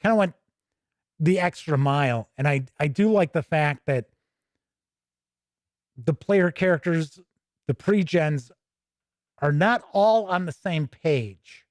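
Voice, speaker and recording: Paging through a rulebook on his tabletop gaming show, a male host muses casually and drifts off on tangents. He speaks slowly with frequent pauses in a fairly high, animated voice, and the studio recording is clean with no room sound.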